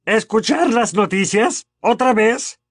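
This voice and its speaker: A man voicing a furious, pompous middle-aged uncle in an audiobook, hoarse and blustering. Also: high voice, animated, measured pace, dry recording, studio quality, pitched above the performer's own voice. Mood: angry. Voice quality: hoarse, trembling with rage. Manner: blustering, bullying. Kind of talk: audiobook character voice.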